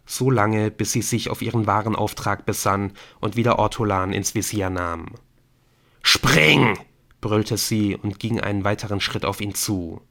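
A man narrating a thriller audiobook in a steady, measured way. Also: on the low side. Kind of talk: scripted narration.

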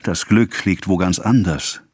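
A man voicing a brooding male seducer, speaking low and hushed in an audiobook reading. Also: measured pace, breathy edge, no room sound, studio quality. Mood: intimate.

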